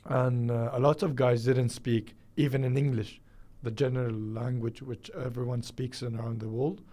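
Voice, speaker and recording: A man's voice: medium pitch, fairly even intonation, moderate pace, dark tone. A man raised in the UAE chatting casually on a radio show, agreeing and building on his co-host's points with frequent uhs. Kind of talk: casual chat.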